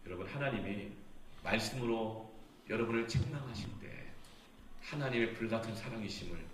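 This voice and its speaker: Impassioned pastor preaching in an echoey hall. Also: male voice, on the low side, moderate pace. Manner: emotional storytelling, swings from loud to hushed. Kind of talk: sermon. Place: church sanctuary. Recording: echoey church hall, distant mic, faint noise.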